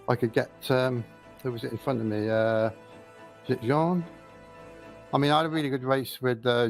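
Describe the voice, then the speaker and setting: A man racing in sim, sweaty after the race, answering interview questions in a self-deprecating way with frequent laughs. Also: mid-range voice.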